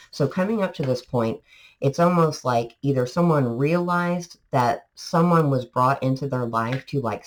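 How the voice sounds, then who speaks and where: Stuffy-voiced tarot reader, relaxed chatty vlog delivery, rambling. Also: medium pitch, rough recording. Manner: chatty, rambling, many fillers. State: congested from allergies. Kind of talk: casual tarot reading for viewers.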